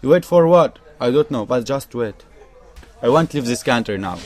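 Here a young Syrian man, interviewed about his experience as a refugee, speaks animated, emphatic English that is broken and grammatically non-native, colored by a Syrian Arabic accent. His medium-pitched voice is a little mellow, his pace moderate, and he repeats himself earnestly.

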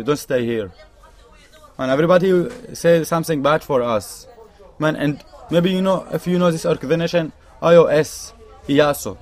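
A young man from Syria with a Syrian Arabic accent, speaking earnest, emphatic broken English as a refugee giving his testimony in an interview. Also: fairly high pitch. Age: young adult. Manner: earnest, emphatic, repeats points, non-native grammar.

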